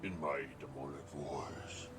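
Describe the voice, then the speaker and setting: A man putting on a slow, menacing demonic voice while roleplaying in a video game. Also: very deep voice, steady tone, background noise. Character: deep demonic man's voice.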